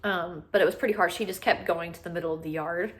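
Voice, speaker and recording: Woman vlogger, slightly low voice, casual conversational storytelling about rescue work. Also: steady tone, quick pace. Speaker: dog rescuer narrating her own rescue.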